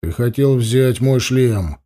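A man's voice: mid-range voice, takes it slowly, dark tone. A man voicing a stubborn, defiant teenage boy in an audiobook. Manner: sulky, defiant.

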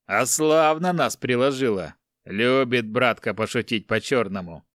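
A man voicing a gruff giant barbarian who drawls slow, loud and folksy mockery in an audiobook. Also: mid-range voice, dry recording, clean studio sound, close to an everyday voice. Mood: mocking.

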